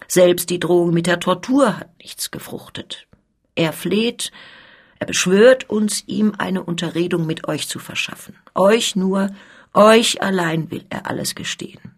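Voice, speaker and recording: A woman voicing a formal, persuasive male police officer in a dramatic reading, her voice husky. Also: fairly low pitch, heavily acted. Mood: urgent.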